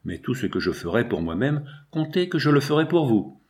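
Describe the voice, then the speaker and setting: A generous innkeeper offers shelter, his voice reassuring and steady, as read by a male narrator. The delivery is close to the reader's own middle-pitched tone. It is a storybook voice without much disguise. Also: a little fast, close to an everyday voice. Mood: kindly. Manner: reassuring, warm-hearted.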